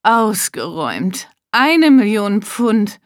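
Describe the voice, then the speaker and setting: A woman voicing a hot-tempered, rude rich man who shouts in outrage. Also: a little high, big pitch swings, unhurried, dry recording, studio quality, voice pushed up. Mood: aghast. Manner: shouting, indignant.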